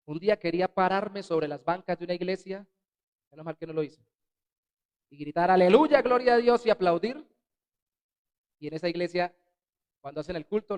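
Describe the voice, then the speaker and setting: A man preaching a sermon as pastor in a church, swinging between loud bursts and soft, dropped words. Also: on the high side, clear, resonant tone. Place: church sanctuary.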